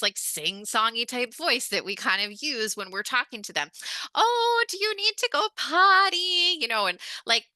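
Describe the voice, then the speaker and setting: A woman's voice: mid-range voice, bright, forceful tone, clean tone, dry recording. A woman leading a webinar on communication skills, talking in a chatty, informal way with lots of "um" and "like". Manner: chatty and informal, heavy on fillers like "um" and "like". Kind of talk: casual webinar instruction.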